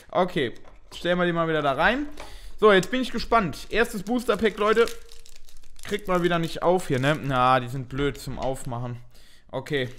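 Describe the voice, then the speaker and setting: A man's voice: fairly high pitch, a bit bright. Chatty young man unboxing cards. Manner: chatty, thinks aloud, mildly self-mocking. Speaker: unboxing video host. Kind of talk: casual unboxing commentary.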